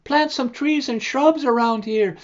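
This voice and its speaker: A man voicing a high, pleading creek. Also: measured pace, lo-fi sound. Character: pleading, dirty little creek.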